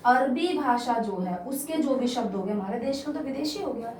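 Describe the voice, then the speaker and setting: A woman's voice: fairly high pitch, animated, moderate pace, darkish tone, reverberant, distant mic, slight background noise, low-quality recording. A young woman with a Haryanvi accent teaching an exam-prep Hindi lesson, emphatic and repeating key words as she addresses her students.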